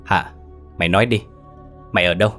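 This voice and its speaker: A man's voice: low voice, steady tone, fairly quick, fairly bright tone, soft background music. A man voicing a terrified young woman haunted by ghosts in a spoken horror story, talking in a desperate, begging way. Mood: pleading.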